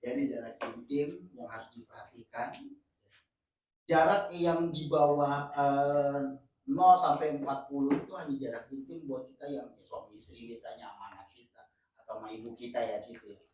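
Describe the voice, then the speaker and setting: A man teaching a communication workshop, lively and joking, switching between casual slang and formal teaching. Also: medium pitch, normal speed. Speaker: communication trainer. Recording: echoey room, mic far off, faint noise.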